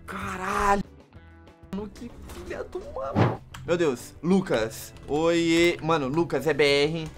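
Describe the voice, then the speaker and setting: A young man with a Brazilian accent, commentating over his gameplay as a gaming YouTuber, excitable and swearing often. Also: a little high. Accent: Brazilian Portuguese. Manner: excitable, swears often, swings from pleading shouts to mumbling. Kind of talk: gameplay commentary with chat readouts.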